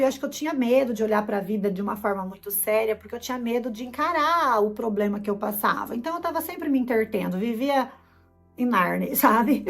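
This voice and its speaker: A Brazilian woman with a Brazilian Portuguese accent, middle-aged, her voice pitched a little high, tells her faith story with feeling and slips into her own past words as she goes. Soft music plays faintly behind her. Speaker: host giving a personal testimony. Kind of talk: emotional personal testimony.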